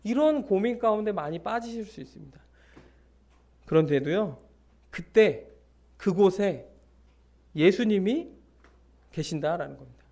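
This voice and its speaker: A male pastor giving a Sunday sermon in a lively storytelling way, with humorous asides and acted-out quotes. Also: a little slow, long pauses. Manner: acts out scenes and quotes with big pitch swings.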